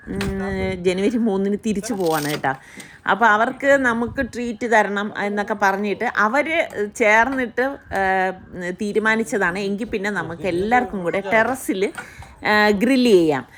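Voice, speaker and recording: A woman's voice: medium pitch, a bit bright. A middle-aged woman hosting a home cooking vlog, talking viewers through each step in a chatty, explaining way. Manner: chatty, explains step by step, keeps adding tag questions. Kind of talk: casual home cooking chat.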